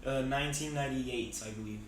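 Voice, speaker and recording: A man's voice: medium pitch, fast, a little hiss or hum. A teenage boy from Venezuela answering interview questions in a casual, hesitant way, with many fillers and restarts. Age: teens. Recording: echoey room, mic at a distance.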